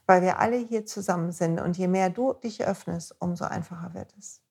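Woman podcast host, motivational self-help talk, warm and encouraging, speaks directly to the listener. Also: fairly low pitch, a little fast, gravelly, husky.

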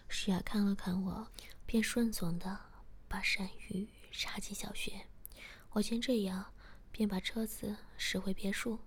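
A woman narrating a whispered role-play story, steady and hushed. Her breathy, husky whisper stays at a middle pitch. She moves evenly from one line to the next. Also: unhurried.

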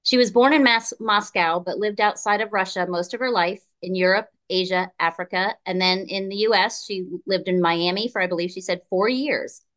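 A woman's voice: medium pitch, moderate pace, hardly any pauses, fairly bright tone. A woman hosting a podcast, introducing a guest and asking questions in an upbeat, emphatic way. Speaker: podcast host. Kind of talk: scripted intro and interview hosting.

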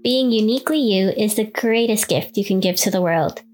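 In the calm, slow, softly directive style of someone narrating a sleep story, a female podcast host leads a guided meditation. Her voice sits in the mid range.

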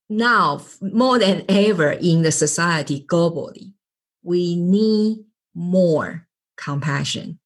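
A middle-aged woman hosting a podcast interview, often searching for words and restarting her sentences. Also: on the low side. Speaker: podcast host.

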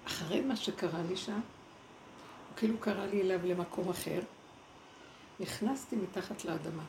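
A woman giving a spiritual talk, telling a personal story in an animated way and acting out the voices she quotes. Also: on the low side, slight background noise. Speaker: speaker at a spiritual gathering. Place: evening gathering indoors. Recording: echoey room with clear background ambience.

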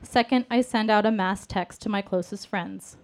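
A woman's voice: mid-range voice, moderate pace. Candid, self-mocking woman storyteller. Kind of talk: personal storytelling to an audience.

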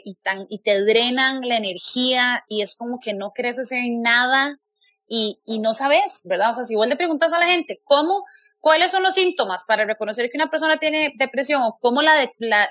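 A woman speaks in a bright, forceful voice with a dry, close sound. Her pitch sits a little high. She talks earnestly in a casual conversation, often closing thoughts with "¿verdad?". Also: no echo. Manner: earnest, tagging sentences with "¿verdad?" and "o sea".

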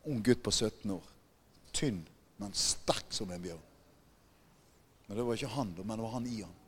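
A man's voice: fairly low pitch, husky. A man preaching a sermon, emphatic and often putting questions to the congregation. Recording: long hall reverb.

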